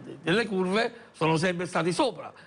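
A man, hosting a live sports talk show in a halting manner. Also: high voice. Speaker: TV host. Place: TV studio. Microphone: lapel.

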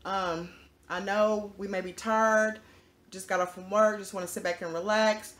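A woman's voice: medium pitch, fairly even intonation, a little slow, fairly bright tone. A woman, chatting casually to her viewers while she cleans her small home kitchen and living room. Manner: chatty, talks straight to the viewers. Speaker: cleaning vlogger. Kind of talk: casual vlog chat.

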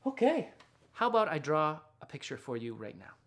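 In a small indoor studio lined with books and records, a man who illustrates and writes picture books gives a casual show-and-tell and drawing demo, murmuring thoughts to himself along the way. His slightly high, a bit bright voice swoops wildly in pitch at normal speed.

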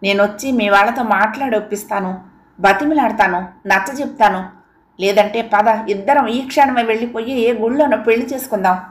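A woman's voice: fairly high pitch, normal speed, close to an everyday voice. A woman voicing a jilted young man in an audiobook, scornful and bitter, recorded in a roomy echo. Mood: pleading. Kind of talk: audiobook character reading.

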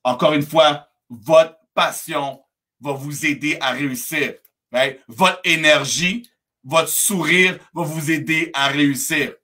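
A man's voice: fairly high pitch, slow, pushed and bright. A man gives a motivational live-stream talk to his network marketing team. He talks emphatically, repeats himself for emphasis, and keeps tagging his sentences with an English "right?".

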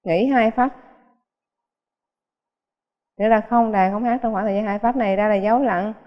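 A woman giving a relaxed piano lesson, chatting freely and counting beats aloud as she explains. Her voice sits at a middle pitch. The sound is dull and muffled, and it rings with a long hall echo. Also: normal speed. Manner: chatty, explains with counting aloud and everyday comparisons, many fillers. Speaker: piano teacher. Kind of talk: casual spoken music lesson.

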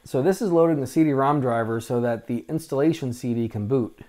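Medium-pitched and a little fast, this vintage computer channel host in his forties gives a casual hands-on restore walkthrough. Seated at a desk in a small room and miked with a lapel mic, he's easygoing and chatty, frequently filling pauses with "uh."

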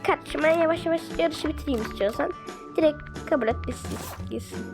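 Woman game-video host, high and bubbly, talking straight to viewers over loud background music. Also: fast talker. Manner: chatty and excitable, keeps addressing viewers. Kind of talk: casual game commentary to viewers.

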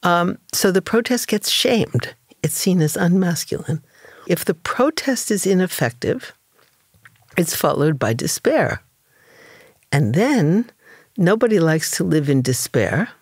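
A woman's voice: lowish voice, big pitch swings, measured pace, a little mellow, dry recording, clean studio sound. An older woman psychologist being interviewed, explaining her ideas thoughtfully and illustrating them with stories and quoted voices. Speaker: psychologist and author, guest. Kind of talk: conversational interview.

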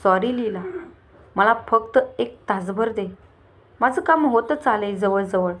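Brief: easygoing male hairstylist in a storybook reading, calm and unruffled; voiced by a woman. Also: medium pitch, a little slow, a little hiss or hum, close to an everyday voice. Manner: calm, soothing.

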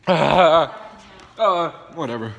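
A man's voice: fairly high pitch, slow pace, creaky. A young man vlogging casually with his mouth burning from spicy food, groaning and exclaiming in pain, recorded on a handheld phone. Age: teens to young adult. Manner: animated, worked up. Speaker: challenge vlogger. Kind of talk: casual reaction vlog. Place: home kitchen. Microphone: handheld phone at arm's length.

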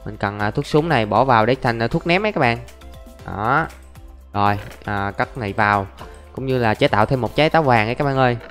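A man's voice: mid-range voice, brisk, fairly bright tone. A young man chatting casually through his gameplay, narrating every step and calling out to his viewers. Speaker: gaming YouTuber. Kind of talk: casual Let's Play commentary. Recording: faint background music.

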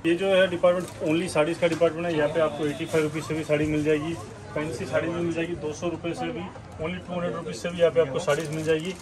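A man in his thirties, a shop owner, giving a brisk sales pitch and listing prices while walking through his large indoor store. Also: level tone. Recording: crowd noise in busy shop. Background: busy shop chatter.

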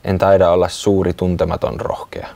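A man's voice: deep voice, flat delivery, vocal fry. A man voicing Sisu, a small touchy creature who speaks curtly. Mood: sulky. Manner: curt, sulky, then shyly warm.

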